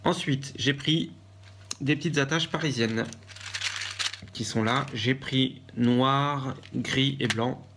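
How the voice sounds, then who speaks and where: A man from France with a French accent, chatting casually in a craft haul vlog and pausing often with fillers and restarts. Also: medium pitch, fairly even intonation, a bit bright, a little hiss or hum. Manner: hesitant, many fillers and restarts. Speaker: vlogger.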